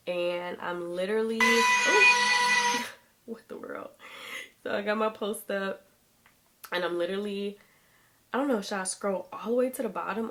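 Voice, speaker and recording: This woman, 30, is recovering from an illness and has a mildly sore throat as she talks chattily to camera in her vlog, calling everyone "y'all." She has a medium-pitched, sharp-toned voice, with a little background noise.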